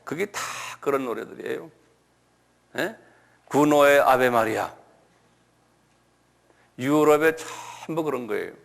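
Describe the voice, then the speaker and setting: 느릿하게 강의하는 남성 목사. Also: male voice, mid-range voice, gravelly. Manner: repeats key words slowly, asks the audience questions. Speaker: pastor. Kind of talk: lecture-style sermon.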